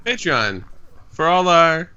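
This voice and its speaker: A man's voice: big pitch swings, slow pace, sharp tone, smooth. A man co-hosting a casual podcast, talking in a rambling way through a tinny, metallic microphone that sounds like a tin can. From Canada. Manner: rambling, with fillers and frequent laughs. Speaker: podcast co-host. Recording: tinny low-fi remote microphone.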